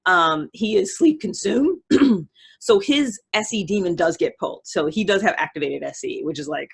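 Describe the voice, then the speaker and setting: This American podcast host, roughly in her thirties, has a lowish, slightly rough voice. Her explanatory monologue is informal and chatty, peppered with examples from her own life.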